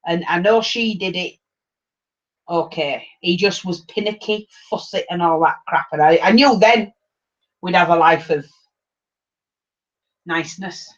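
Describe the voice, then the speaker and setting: A middle-aged woman with an English accent chatting casually and telling anecdotes in a blunt, animated way on a livestream. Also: lowish voice, unhurried, pauses often. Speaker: livestream host. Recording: dull lo-fi livestream audio.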